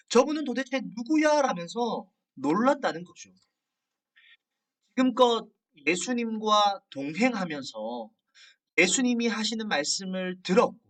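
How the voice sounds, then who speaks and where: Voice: mid-range voice, fairly bright tone. A preacher giving a sermon to a church youth group, telling the story dramatically and raising the voice for quoted lines. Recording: distant from the mic.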